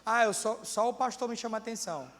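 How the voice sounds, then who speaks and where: A male pastor preaching a sermon with passion, moving from quiet talk to shouted prayer. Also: very high-pitched, fast, in a large hall. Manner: impassioned, swings from quiet to shouting. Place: church.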